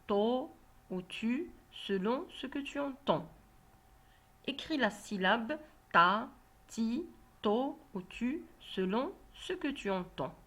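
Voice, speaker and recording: Woman teacher going over reading exercises, talks real slow and careful, says everything twice. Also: a little high, a bit bright. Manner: slow, clearly articulated, repeats instructions. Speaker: primary school teacher. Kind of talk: reading lesson walkthrough.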